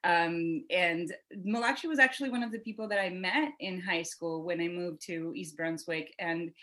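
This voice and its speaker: A woman in her thirties from Venezuela, a native Spanish speaker, telling her life story in a relaxed, chatty way as a podcast guest. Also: lowish voice, normal speed, low-quality recording. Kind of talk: casual interview storytelling.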